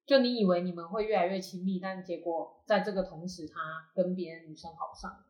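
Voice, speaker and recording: A woman hosting a casual chat, reacting with quick questions, teasing and laughter. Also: on the low side, steady tone, dull audio. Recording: roomy echo.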